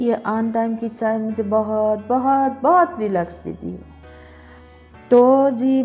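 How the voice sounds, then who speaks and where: A middle-aged woman chatting casually in her home kitchen as she cooks, speaking slowly and deliberately with pauses. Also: fairly high pitch, mellow, muffled recording. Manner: slow, deliberate talk with pauses. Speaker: cooking vlogger. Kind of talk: casual cooking vlog chat.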